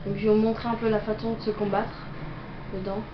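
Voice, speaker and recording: A little fast and flat, her medium-pitched voice carries unscripted gameplay commentary riddled with hesitations and fillers. The young woman making the video is coughing from a cold. Noisy, dull, roomy lo-fi sound frames the clip.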